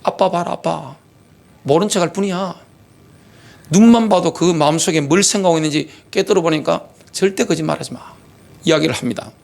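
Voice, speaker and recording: A man's voice: fairly high pitch, fairly quick, gravelly, darkish tone. A middle-aged man, a pastor, preaching a sermon animatedly with many rhetorical questions. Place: church sanctuary.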